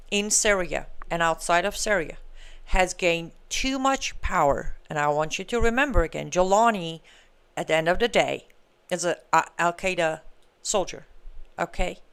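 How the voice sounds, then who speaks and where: A woman's voice: lowish voice, fairly bright tone, clean tone. A woman hosting a live political commentary stream, talking in an emphatic, argumentative way with sarcastic asides and reading out viewer comments. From Iran. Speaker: political commentary show host.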